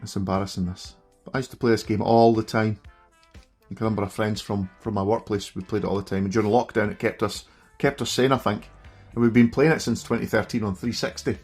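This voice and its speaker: A middle-aged Scottish man with a broad accent chats casually through a gameplay stream. His voice is husky and his manner self-deprecating. Faint music plays behind him. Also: fairly low pitch, steady tone, brisk, a little mellow. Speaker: streamer reviewing a gaming handheld. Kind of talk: casual live gameplay commentary.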